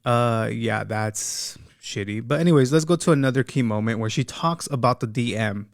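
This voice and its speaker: A man's voice: mid-range voice, moderate pace, no echo, clean studio sound. A man hosting a reaction commentary, talking casually with sarcasm, slang and frequent laughter. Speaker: commentary host.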